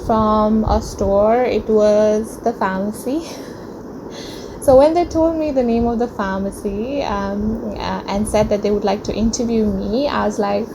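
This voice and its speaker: This is a young woman vlogging in a small room, her mid-range voice moving at a measured pace. English is not her native language, and she chats to the camera about something personal, saying "um" and "uh" often. Background noise can be heard.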